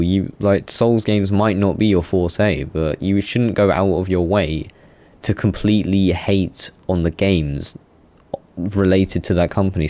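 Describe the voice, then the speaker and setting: This gaming YouTuber, a young man, chats casually about video games in a rambling way, often correcting himself and using many fillers. His voice sits low and sounds a little mellow.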